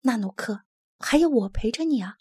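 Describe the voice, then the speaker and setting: A woman voicing a kind, steady young male polar bear cub in a storybook reading, gentle and reassuring. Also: on the high side, moderate pace, husky, no echo, studio quality.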